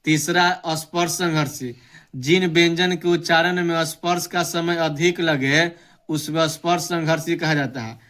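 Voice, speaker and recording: A young man giving an exam-prep grammar lesson, reading out definitions slowly and repeating them. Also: on the high side, fairly even intonation, a bit bright. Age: young adult. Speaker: teacher.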